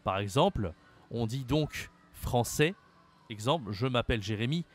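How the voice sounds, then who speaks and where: Speaking directly to the learner, a Frenchman gives a French lesson, slowly over-articulating each example word. His medium-pitched voice is expressive, with a breathy edge.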